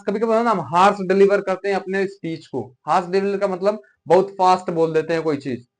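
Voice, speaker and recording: A male teacher from Uttar Pradesh, India, giving a classroom lecture and often asking rhetorical questions to check understanding. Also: sits high.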